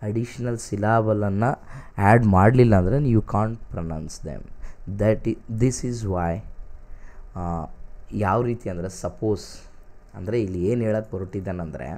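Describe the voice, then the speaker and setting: A man's voice: fairly low pitch, a little slow, darkish tone. A man with a Kannada accent teaching an exam-prep English class, reading out singular and plural word pairs and checking that his students follow.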